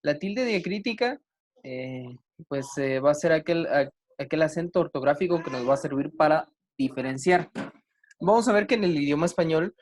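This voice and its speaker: A man teaching an online grammar class, talking slowly with many fillers and restarts. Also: on the high side, expressive.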